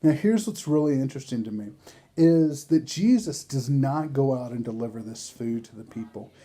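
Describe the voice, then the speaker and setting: Man teaching a Bible study, very dark tone. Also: medium pitch, lively intonation, moderate pace. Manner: conversational, reads verses and acts out dialogue.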